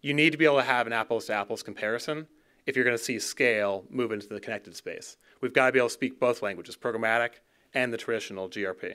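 Here a keynote speaker in his thirties talks fast in a bright, forceful, clean mid-range voice. He speaks conversationally at a podium gooseneck mic on a dark auditorium stage for a conference, repeating words at times as he restarts phrases.

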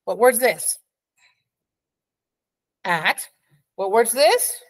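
A woman leading a preschool reading lesson in a slightly high voice. She talks slowly and patiently, stretching out each letter sound and cheering the child on. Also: expressive. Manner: slow, encouraging, sounds out letters. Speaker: preschool teacher.

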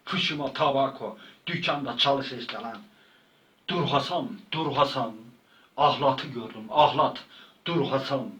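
A man's voice: mid-range voice, a little slow, a bit bright, far from the mic, lo-fi sound. A man telling a rambling comic story in casual slang, often repeating and stumbling over words. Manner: repetitive, slangy, stumbling retelling. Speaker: channel host.

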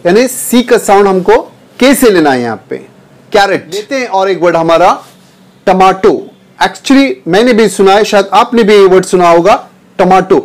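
A man teaching English pronunciation, drawing out and repeating each word slowly and calling his viewers dear students. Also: high voice, lively intonation. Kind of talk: pronunciation lesson.

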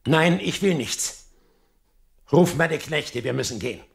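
An actor playing a proud, despairing king in a Bible radio play, speaking gravely and with command. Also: fairly high pitch, animated, measured pace, exaggerated voice. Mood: grim, weary. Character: proud, despairing defeated old king Saul.

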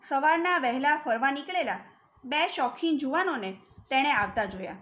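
A woman teacher reading a story aloud for a class and then explaining it, acting out the characters' shouts with feeling. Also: high voice, expressive, moderate pace.

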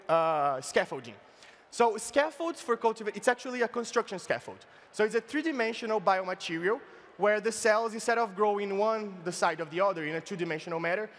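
A man giving a playful comic science talk on stage, halting often and filling pauses as he explains. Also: high-pitched, a bit bright. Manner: playful, halting, with many fillers and restarts. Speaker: science slam presenter. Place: large event stage, indoors. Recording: reverberant live event hall.

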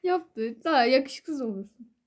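A woman with a high voice jokes through a game role-play. She is cheeky and laughs a lot, and she snaps back quick retorts. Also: lively intonation.

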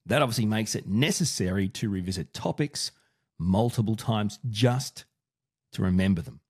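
A man hosting an educational video, deliberately speaking in slowed-down slow motion. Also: fairly low pitch, breathy edge. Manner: lively, self-correcting. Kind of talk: explaining to camera.

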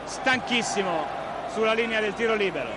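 A man's voice: very high-pitched, fairly even intonation, normal speed. A man giving live television play-by-play commentary on a basketball game. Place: large indoor basketball arena. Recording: loud arena crowd, noisy old TV broadcast. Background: loud crowd and arena noise.

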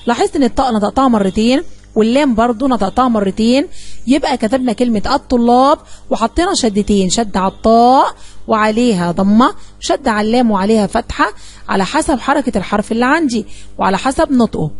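A woman teacher with an Egyptian accent, talking at a quick clip in a slightly raised voice. She coaxes the class along, asking questions and answering them herself as she explains a grammar lesson. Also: on the high side. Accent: Egyptian Arabic.

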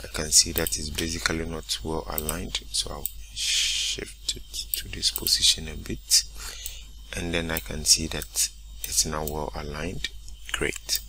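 A man walking through a software tutorial step by step, often saying "okay, great" between steps. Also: a bass voice, unhurried, a little hiss or hum. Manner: steady step-by-step explaining, repeats "okay, great". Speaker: instructor. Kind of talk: screen-recorded software tutorial.

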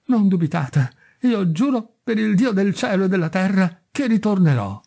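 A man reading as a terrified merchant who begs for his life in slow, trembling pleas. The voice is rather high but warm and mellow. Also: very animated, vocal fry, full character voice. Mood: pleading. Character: frightened, pleading male merchant.

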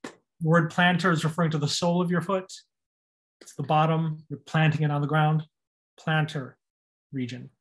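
A man's voice: fairly high pitch, fairly even intonation, normal speed, pauses often. A man giving a recorded anatomy lecture over slides, spelling out and repeating terms and stressing how to pronounce them.

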